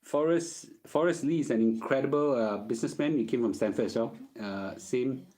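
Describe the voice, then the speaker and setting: This personal finance host, a middle-aged man with a Singaporean accent, answers questions in easygoing Singlish and often asks "okay?". His voice is mid-range and mellow, at a moderate pace.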